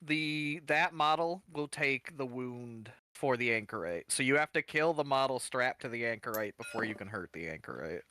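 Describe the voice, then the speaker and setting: Rules-referee guy for a tabletop stream, bright voice, casual, dry close mic. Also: mid-range voice, animated, normal speed, hardly any pauses, no room sound. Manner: explains rules with loose restarts and dark jokes. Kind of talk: casual game-table chat.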